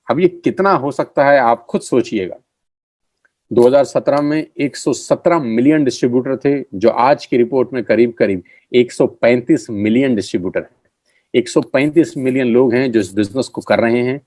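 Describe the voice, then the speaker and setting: Man, middle-aged, motivational sales pitch, emphatic and repetitive, dry close sound. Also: a little mellow, no room sound. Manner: emphatic, repeats key phrases. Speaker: network marketing trainer.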